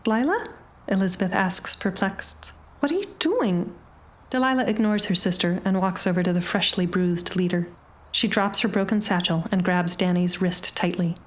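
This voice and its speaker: A woman reading a short story aloud in a measured, dramatic narration. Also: fairly low pitch, little pitch movement. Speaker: audiobook narrator.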